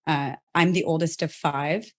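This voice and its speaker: A woman from South Texas, a company co-founder, telling her personal story in an interview, earnest and pausing as she restarts on hard memories. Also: deep voice, fairly even intonation. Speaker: healthtech company co-founder, guest.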